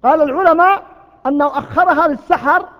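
A man's voice: extremely high pitch, fast. A man preaching a sermon to a gathering, telling stories and acting out the quoted exchanges. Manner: storytelling, acts out quoted exchanges. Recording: long reverb, dull lo-fi sound.

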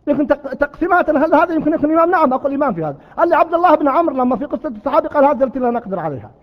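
A man preaching, his voice very high and his delivery quick. He tells stories and acts out the quoted exchanges. The recording is dull and lo-fi, with a long reverb trailing each phrase. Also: expressive. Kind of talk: sermon to a gathering.

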